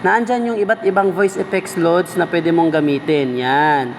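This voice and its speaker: Slight background noise accompanies a man whose steady, highish voice moves at a moderate pace. He has a Filipino accent and presents a relaxed, step-by-step video editing guide, chatting with the viewer as a buddy.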